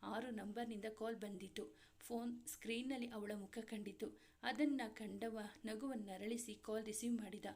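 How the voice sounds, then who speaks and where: A woman storyteller reading a serialized romance story aloud in steady, dramatic narration. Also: on the high side, moderate pace.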